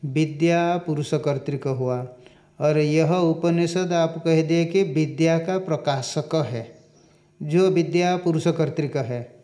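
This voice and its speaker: A man giving a scripture lecture, reciting Sanskrit lines slowly and explaining them, asking questions and answering them himself. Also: fairly high pitch, steady tone, mellow. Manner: slow and deliberate, recites Sanskrit and explains it in Hindi. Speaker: Vedanta teacher.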